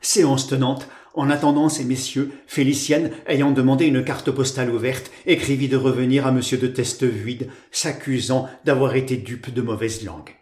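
A man narrating a classic story in a measured literary reading. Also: mid-range voice, fairly even intonation, darkish tone, reverberant. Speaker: audiobook narrator. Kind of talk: scripted narration.

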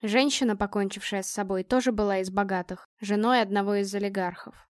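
A woman reading a first-person audiobook in a calm, measured storytelling manner. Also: medium pitch, dry recording, studio quality. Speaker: audiobook narrator.

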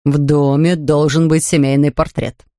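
A woman voicing a mild, worried middle-aged father who speaks slowly and carefully in a storybook reading. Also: low-pitched, flat delivery, dark tone, dry recording, studio quality, pitched below the performer's own voice, lightly acted. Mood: concerned. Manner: slow, careful and concerned. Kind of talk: audiobook character voice.

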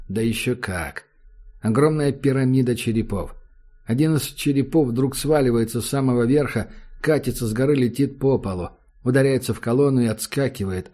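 A man narrating an audiobook in a measured, ominous reading style. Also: medium pitch, mellow. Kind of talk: scripted narration.

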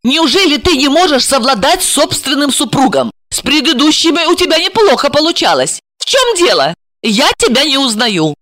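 A woman's voice: high-pitched, sing-song, moderate pace, fairly bright tone, pitched above the performer's own voice. A woman reading an audiobook and voicing a stormy, jealous young woman who mocks and interrogates her friend. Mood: mocking. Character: fiery, jealous young woman, sharp-tongued.

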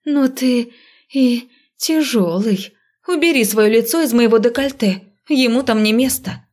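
A woman reading an audiobook, voicing a feisty young heroine whose retorts come out bright and teasing. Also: a little high, unhurried, pitched above the performer's own voice, natural voice. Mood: playful.

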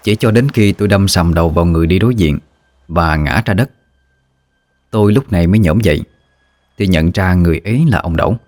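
A man narrating a ghost story in a measured storytelling voice. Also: sits low, a little mellow, no room sound.

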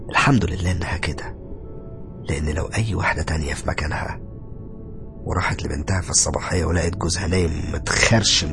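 Egyptian guy telling a horror story, low gravelly voice, fast, music behind. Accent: Egyptian Arabic. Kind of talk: first-person storytelling.

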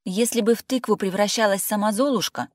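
A reader voicing a nervous young woman stuck behind her door, anxious and quick to snap back. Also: mid-range voice, dry recording, clean studio sound, pitched above the performer's own voice, natural voice. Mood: irritated. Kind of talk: audiobook character voice.

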